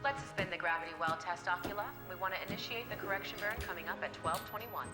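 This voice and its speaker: An actress playing a composed mission controller, heard over a radio comm link, speaking in clipped procedural radio talk. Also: female voice, medium pitch, fast, over loud music. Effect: transmitted over a radio comm link. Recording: echoey, reverberant, loud score behind.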